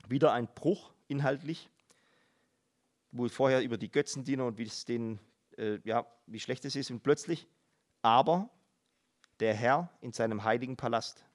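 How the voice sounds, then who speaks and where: A man's voice: medium pitch, normal speed, long pauses. Middle-aged male preacher; earnest, explanatory Bible teaching with emphatic repetitions.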